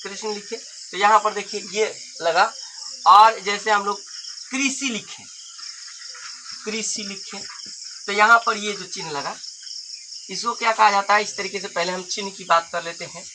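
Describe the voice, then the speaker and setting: A man teaching a grammar lesson, explaining slowly and pointing at symbols one by one. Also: high voice, steady tone. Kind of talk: Hindi grammar lesson at a board. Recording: noisy background with insects.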